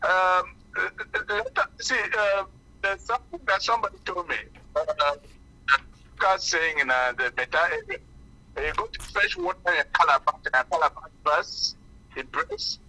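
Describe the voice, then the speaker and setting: Male caller on a car speakerphone, higher-pitched and very bright, halting delivery over a thin phone line. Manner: hesitant, many fillers and restarts. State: driving while talking. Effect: car speakerphone call. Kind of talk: call-in radio talk.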